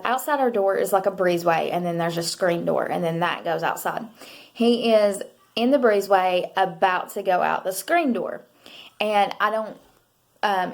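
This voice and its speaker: A young adult woman, chatting to camera as she tells a story, rambling with many fillers and asides. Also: mid-range voice. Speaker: mother and vlogger.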